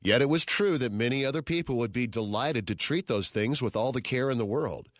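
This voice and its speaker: A man reading a children's story aloud in a steady, gentle storytelling manner. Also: medium pitch, brisk, no room sound, studio quality. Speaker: story reader. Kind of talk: scripted storybook narration.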